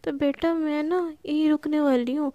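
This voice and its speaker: A woman's voice: sits high, fairly even intonation, moderate pace, no room sound, dull audio, close to an everyday voice. A woman voicing a caring but bossy young woman who scolds and teases in a firm, sometimes half-whispered voice. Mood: teasing.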